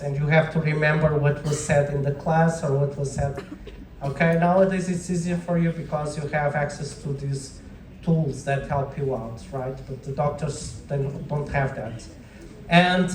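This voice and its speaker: A native Portuguese speaker with a Portuguese accent gives an informal lecture to an audience in an indoor classroom, frequently checking in with short tag questions. His voice is on the high side and a little mellow. The distant mic catches room echo and slight background noise.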